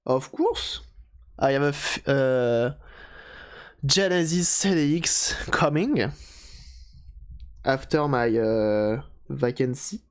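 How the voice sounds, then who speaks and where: A man with a French accent chatting casually with viewers during a live stream, repeating his phrases and speaking haltingly whenever he switches to English. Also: medium pitch, expressive, smooth. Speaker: streamer restoring retro game hardware.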